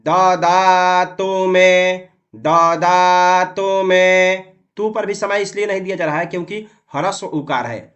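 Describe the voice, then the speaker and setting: A man teaching how to read and memorize Vedic mantras, explaining patiently and chanting the syllables slowly and drawn out. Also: a little high. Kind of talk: recitation lesson.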